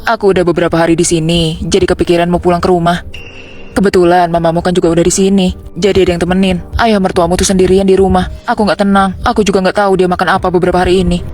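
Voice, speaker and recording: A woman's voice: lowish voice, little pitch movement, very fast, darkish tone, natural voice. A woman voicing a fussy, sweet-talking middle-aged mother-in-law and grandmother in a dubbed drama, chatting casually. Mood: coaxing. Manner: chatty, fussing.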